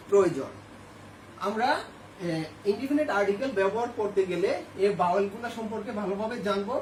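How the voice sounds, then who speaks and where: A man's voice: high voice, slight background noise. A male Bangladeshi school teacher explaining a grammar lesson step by step, asking questions and answering them himself. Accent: Bangladeshi Bengali. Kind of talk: classroom lesson to students. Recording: echoey room, faint ambience.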